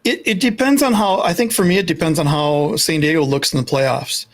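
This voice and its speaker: A man guest on a sports podcast who talks in an animated way and acts out what others said. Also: a little high, brisk. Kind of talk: casual sports chat.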